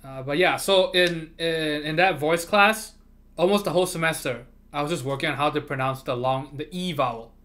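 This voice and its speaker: Talking at a moderate pace in a slightly high, somewhat bright voice, he reads chat and chats casually on his livestream. He grew up with Chinese, moved to America from abroad, and tends to laugh and say things twice.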